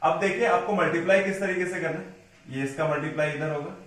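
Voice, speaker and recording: Man, maths teacher, high voice, very echoey room. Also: fast, a bit bright, far from the mic. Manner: step-by-step explaining, addressing students as children. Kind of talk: classroom lesson.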